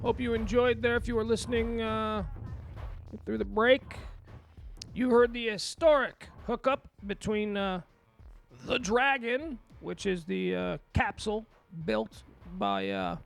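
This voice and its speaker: Male radio host: very high pitch, fry in the voice, excitable, emphatic, casual. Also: unhurried, faint music behind. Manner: excitable, emphatic, repeats phrases. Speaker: talk show host.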